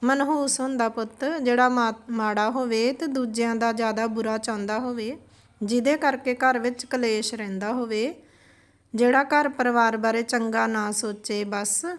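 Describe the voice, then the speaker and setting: A woman voicing a gentle, long-suffering old grandmother who speaks tenderly, in a slightly higher voice than most women. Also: fairly even intonation, moderate pace, lightly acted.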